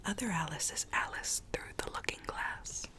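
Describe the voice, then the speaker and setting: A woman's voice: moderate pace, lightly acted. Whispering sweet rogue storybook Alice played by a woman. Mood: confiding, earnest. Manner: soft, coaxing, theatrical storytelling. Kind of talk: whispered ASMR roleplay.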